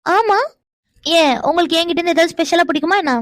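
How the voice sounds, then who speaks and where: A woman's voice: very high voice, fast talker, dry recording, studio quality. A woman voicing a shy, easily embarrassed young wife in a cartoon, fretful and exclamatory, stammering when bashful. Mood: shy, protesting. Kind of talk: animated cartoon voice acting.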